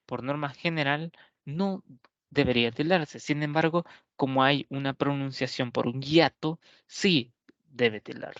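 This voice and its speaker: A male teacher giving an explanatory grammar lesson, asking rhetorical questions, answering them himself, and saying example words slowly. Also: medium pitch, fairly bright tone, no room sound. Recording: dull lo-fi dry recording.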